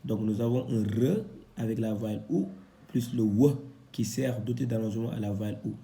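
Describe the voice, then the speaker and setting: A man teaching a Quran reading lesson, sounding out syllables one at a time and explaining with frequent pauses. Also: lowish voice, dark tone.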